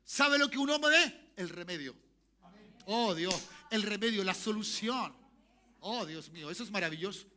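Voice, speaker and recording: High bright pastor preaching. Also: male voice, lively intonation, moderate pace. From Chile. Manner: swings from soft to shouting, calls for amen. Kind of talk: sermon. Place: church sanctuary.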